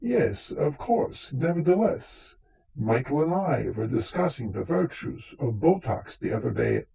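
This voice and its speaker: A man's voice: mid-range voice, huge pitch swings, measured pace, vocal fry, warm tone, breathy edge, exaggerated voice, low-quality recording. A man playing a vain, touchy, centuries-old vampire count in comic live radio theater, with a theatrical, formal way of talking. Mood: smug. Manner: theatrical, dryly boastful, formal phrasing.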